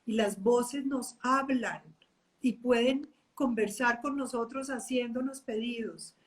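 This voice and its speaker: A woman life coach talking in a lively live chat, often acting out the inner voices she describes. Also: a little high, slow pace.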